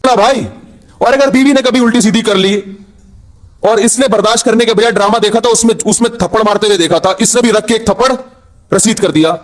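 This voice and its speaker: Male preacher, high-pitched, scolding sermon delivery. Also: steady tone. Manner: scolding, rhetorical questions to the audience. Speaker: Islamic preacher.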